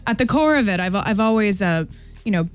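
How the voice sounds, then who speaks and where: A giggly New York woman chats as a DJ guest in a casual radio studio interview, her speech full of fillers and restarts. Her mid-range voice is animated, fairly quick and smooth, over soft background music.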